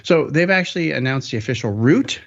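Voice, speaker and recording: A man's voice: mid-range voice, fairly quick. Man, podcast host, casual rambling upbeat delivery, slightly dull lo-fi sound.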